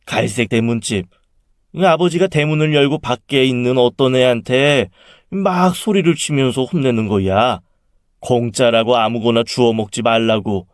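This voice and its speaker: A man voicing a chatty middle-aged aunt who tells about a dream in a drawn-out, gossipy way. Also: medium pitch, dry recording, clean studio sound, lightly acted. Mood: confiding.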